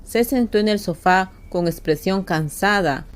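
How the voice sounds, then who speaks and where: Woman storyteller, drama recap narration, steady reading. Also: mid-range voice, a little slow, smooth. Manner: steady, reads every part.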